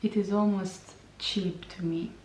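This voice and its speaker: A woman reviewing lip products in a slow, hesitant way, often repeating her words. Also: medium pitch, fairly even intonation, a little mellow, a little hiss or hum. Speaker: beauty vlogger. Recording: roomy sound from a distance.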